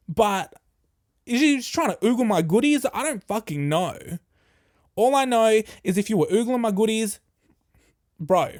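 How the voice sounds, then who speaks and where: A podcast host, telling a story casually in a profane, animated and jokey way. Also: mid-range voice.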